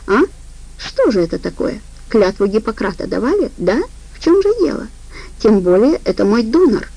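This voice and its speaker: A woman's voice: fairly high pitch, warm tone, voice pushed up, low-quality recording. A woman voicing a smug, menacing male crime boss who taunts in a sly sing-song way, in an audiobook.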